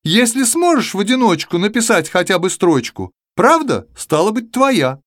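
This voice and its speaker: A man's voice: high-pitched, sing-song, moderate pace, dry recording, clean studio sound, voice pushed up. A man voicing the whole alphabet as a chorus of letters in a children's verse tale, scolding and reasoning. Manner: lecturing, reasonable.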